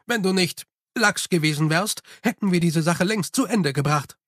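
A man voicing a cold commanding male official in an audiobook, curt and flat with a dry close sound. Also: high-pitched, moderate pace, no room sound.

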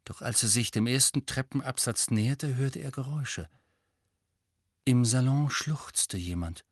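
A man's voice: mid-range voice, husky, dry recording. Man narrating an audiobook, dry studio. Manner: measured, dramatic storytelling.

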